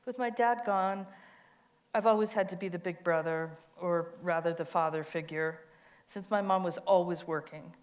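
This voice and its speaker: A woman with a lowish voice, speaking at normal speed, co-reads an autobiographical monologue dramatically. Her storytelling is tender and emphatic.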